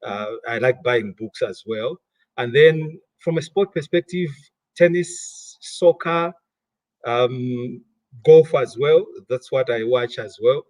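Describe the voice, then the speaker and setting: A man in his thirties from Malawi, answering interview questions over a video call in an animated way and repeating words as he gathers his thoughts. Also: medium pitch, slow pace, no echo. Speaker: guest, finance director.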